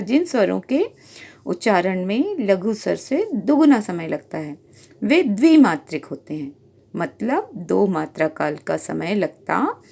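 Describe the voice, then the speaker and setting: A woman's voice: medium pitch, vocal fry, a little mellow. A woman teacher giving a grammar lesson, explaining patiently, repeating points and drawing out example sounds.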